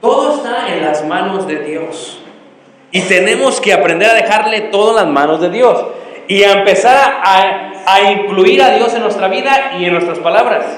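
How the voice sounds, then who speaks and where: A man's voice: high voice, animated, normal speed, a bit bright, a little hiss or hum. A middle-aged man preaching a storytelling sermon and quizzing the congregation with fill-in questions. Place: church hall. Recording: echoey hall with long reverb.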